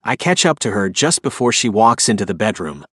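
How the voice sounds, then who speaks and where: A man's voice: fairly low pitch, big pitch swings, a little fast, sharp tone, slightly rough, no room sound, studio quality. A man narrating a first-person romance audiobook with an emotive, inner-monologue delivery.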